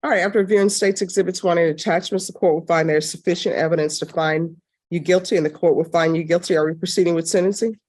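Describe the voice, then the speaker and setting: Woman, judge, firm, brisk, fairly low-pitched, courtroom recording. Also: fairly even intonation, darkish tone. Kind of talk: formal courtroom proceedings.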